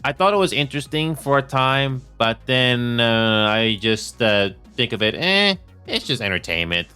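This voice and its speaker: A man hosting a live stream, chatting casually with halting, filler-heavy speech and greeting viewers. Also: mid-range voice, sing-song, pushed and bright, clean tone, soft background music. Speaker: livestream host. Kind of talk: casual chat.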